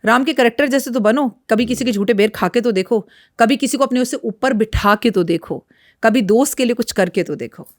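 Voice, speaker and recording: A woman's voice: on the high side, brisk, no room sound, clean studio sound. A woman astrologer speaking as a podcast guest, frank and lecturing in a blunt, outspoken way. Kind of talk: podcast interview talk.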